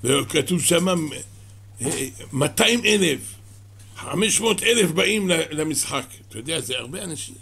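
Gravelly raspy man telling a parable. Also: fairly high pitch. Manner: lively storytelling with sighs and asides. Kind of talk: telling a moral parable to a listener.

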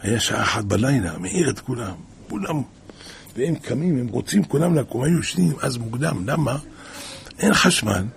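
A man preaching a sermon and telling stories in an animated way, full of rhetorical questions. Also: mid-range voice, a little hiss or hum. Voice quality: gravelly and husky. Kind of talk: sermon with storytelling.

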